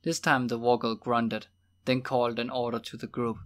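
A man reads a novel aloud for an audiobook, his medium-pitched voice steady and measured.

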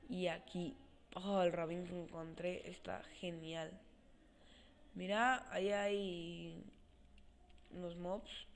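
Excitable guy narrating his gameplay. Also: sits high, takes it slowly, gravelly, long pauses. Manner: excitable, swears often, talks to himself while playing. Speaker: gaming channel host. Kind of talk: let's play gameplay commentary. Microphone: cheap desk mic without a stand, voice comes out quiet.

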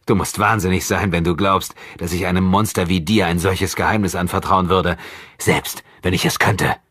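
A man reading an audiobook, voicing a chained prisoner who speaks in a raised, forceful, scornful way. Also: low voice, fairly even intonation, moderate pace, husky, dry recording, clean studio sound, voice pushed up. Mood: defiant. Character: defiant chained male prisoner, bitter and scornful.

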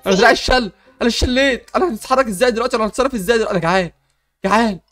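A man's voice: very high-pitched, rapid-fire, fairly bright tone, faint music behind. A young man with an Egyptian Arabic accent, hosting an improvised game role-play with comic panic and bluster.

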